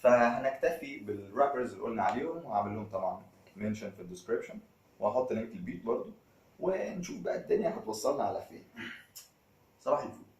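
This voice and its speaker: Fast, slangy Egyptian rapper man. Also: lowish voice, lively intonation, a little mellow, reverberant, far from the mic. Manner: loose, slangy, laid-back talk. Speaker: rapper and vlogger. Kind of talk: casual chat between freestyle rap takes.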